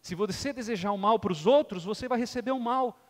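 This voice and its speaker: A man voicing a calm, patient father who explains life to his son. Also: high-pitched, a little fast, big-room sound, voice pushed up, lightly acted. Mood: gentle.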